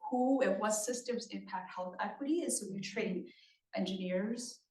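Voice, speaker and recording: Speaking at a moderate pace in a mid-range, darkish voice, a Thai woman presents conversationally at a community meeting. She keeps the audience engaged and checks in with them often, and the roomy recording comes from a distant mic.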